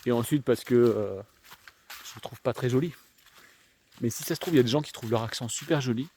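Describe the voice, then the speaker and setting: Man, Alsatian accent, mellow dark voice, casual rambling vlog, outdoors, faint rain noise behind. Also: mid-range voice, brisk. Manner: slangy, chatty, addresses viewers directly. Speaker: vlogger; schoolteacher. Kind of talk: casual rambling monologue while walking. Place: outdoors on a countryside walk. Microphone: handheld camera.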